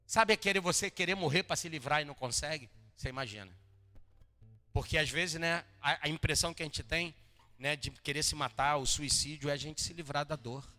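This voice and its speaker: A male pastor from Rio de Janeiro preaching to his congregation, swinging between quiet asides and loud emphatic lines and joking with the people. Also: fairly high pitch, fairly quick. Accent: Brazilian Portuguese, Rio de Janeiro. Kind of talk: sermon. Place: church hall. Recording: long hall reverb, faint guitar behind.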